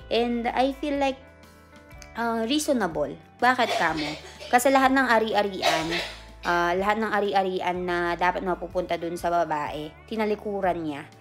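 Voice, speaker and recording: A woman's voice: mid-range voice, moderate pace, over music. A woman vlogger casually explaining a family custom, chatty, with fillers and self-corrections. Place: busy event hall with a crowd and music.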